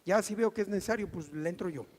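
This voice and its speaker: A middle-aged man with a Mexican Spanish accent preaching a sermon as pastor, animated and acting out the voices he quotes. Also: sits high, fast. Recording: church hall reverb.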